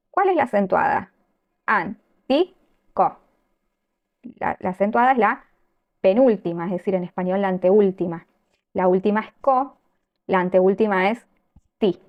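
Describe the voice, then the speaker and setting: A woman teaching an online grammar lesson, patient and methodical, pausing often to check her students follow and slowing down to pronounce example words. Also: mid-range voice, dull audio. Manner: patient, explains step by step with frequent check-in questions. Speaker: Italian language teacher.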